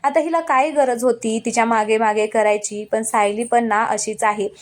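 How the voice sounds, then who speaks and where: Speaking at a moderate pace with fairly even intonation, a woman with a fairly high voice narrates a TV serial recap. Her storytelling is casual and chatty, aimed straight at viewers and sprinkled with asides.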